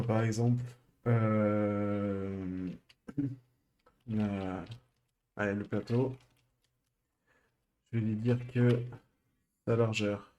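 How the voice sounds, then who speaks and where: Man, live coding streamer; slow, hesitant, thinking aloud, fairly low voice. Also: dark tone.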